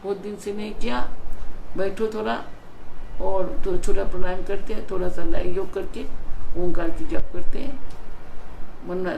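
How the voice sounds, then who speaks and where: A woman spiritual teacher gives a devotional talk and then guides a breathing practice, counting breaths out slowly and instructively. Her voice has a gravelly, fry-tinged texture. The recording is roomy and echoey, with faint background noise. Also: mid-range voice, fairly even intonation.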